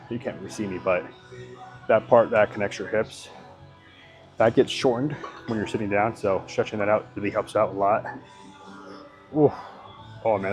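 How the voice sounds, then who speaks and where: Male fitness vlogger, low voice, loose unscripted talk over soft background music. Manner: rambling, thinks aloud, hedges and swears casually. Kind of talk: casual workout commentary.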